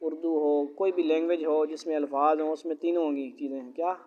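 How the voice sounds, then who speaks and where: Male Quran teacher in a classroom, slightly high, steady voice, dull recording. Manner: recites Arabic quickly, then explains slowly in Urdu with questions to the class. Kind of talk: Quran translation and grammar lesson to students. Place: classroom with students.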